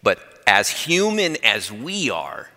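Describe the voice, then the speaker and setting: A man's voice: on the low side, gravelly. Earnest man preaching in an echoing church. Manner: earnest, builds excitement, talks fast when fired up; personal testimony, conversational asides. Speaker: lay preacher. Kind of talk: sermon. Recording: long reverb in a church hall.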